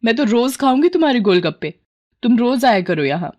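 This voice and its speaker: A woman's voice: on the high side, sing-song, fairly quick, darkish tone, voice pushed up. A woman doing a gushing young village woman. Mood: delighted. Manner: gushing, delighted. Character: cheerful young village woman, a greedy eater.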